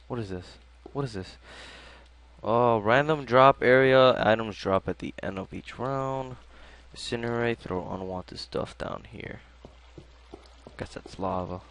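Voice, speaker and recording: A young man cursing and complaining through his own live gameplay commentary, swinging from mutters to yells. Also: on the low side, vocal fry, a little hiss or hum. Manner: cursing, frustrated, swings between muttering and yelling. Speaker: gamer.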